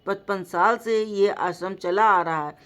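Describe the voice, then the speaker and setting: A woman voicing a calm, firm male ascetic teacher in a slowly read devotional story. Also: mid-range voice, lightly acted. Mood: patient. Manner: slow, measured reading voice.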